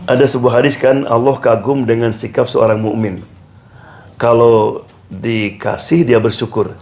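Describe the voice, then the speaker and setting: A man's voice: medium pitch, level tone, unhurried, darkish tone. A man, an imam, preaching a sermon, telling stories and acting out the people in them, switching between Indonesian and English. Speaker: imam giving a religious talk. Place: community hall. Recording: echoey room with faint background noise.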